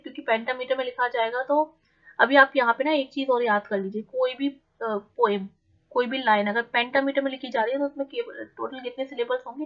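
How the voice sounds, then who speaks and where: Higher-voiced woman teaching patiently. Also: muffled recording. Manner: explains patiently, slows right down when reading English definitions. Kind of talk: exam-prep lecture in Hindi and English.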